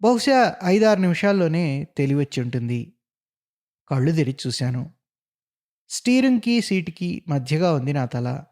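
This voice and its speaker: A man's voice: fairly high pitch, big pitch swings, moderate pace, pauses often, darkish tone. A man narrating a short story aloud, acting out the characters' lines with drama. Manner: dramatic storytelling with acted dialogue.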